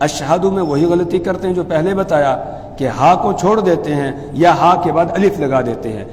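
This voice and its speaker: Man, religious teacher, calm explanations, chanted demonstrations, fairly high voice, long echo, faint hum. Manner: explains pronunciation calmly, then chants the call loudly and drawn out. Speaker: mufti teaching the call to prayer.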